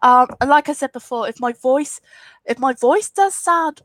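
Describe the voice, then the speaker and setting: This dry recording captures a twenties-aged Englishwoman with an Essex accent and a cold-stuffed nose, her voice high, a bit bright, and at normal speed. As a YouTuber running a live Q&A, she rambles casually through viewer comments, staying frank and pushing back at trolls.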